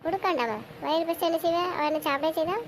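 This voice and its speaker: High-voiced, fast-talking young woman. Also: slight background noise, rough recording. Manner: quick, teasing, bossy older-sister banter. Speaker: elder sister. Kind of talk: amateur web drama acting.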